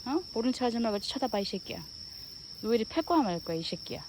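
A woman's voice: fairly high pitch, very animated, fast. A woman chatting with her dogs, switching between fond baby talk and mock scolding, now and then in English. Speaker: pet owner talking to her dogs. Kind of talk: casual chat with pets. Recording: noisy outdoor ambience.

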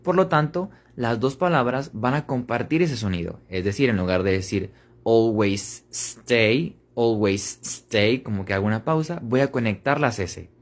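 A man explaining an English pronunciation lesson step by step, saying English phrases over slowly and repeating them. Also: mid-range voice. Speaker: English teacher.

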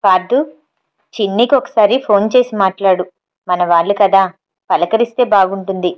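Brief: kind young woman, calm and comforting, voiced by a female storyteller, slightly dull audio. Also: on the high side, normal speed, close to an everyday voice. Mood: gentle. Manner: gentle, reassuring. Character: caring young woman, gentle.

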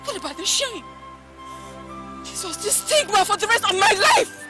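A wronged young wife, dazed and bitter after her madness. The voice sits high, and loud film music runs underneath it. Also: animated, moderate pace. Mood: anguished. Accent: Nigerian. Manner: dazed, then bitter and anguished. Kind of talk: Nollywood film acting.

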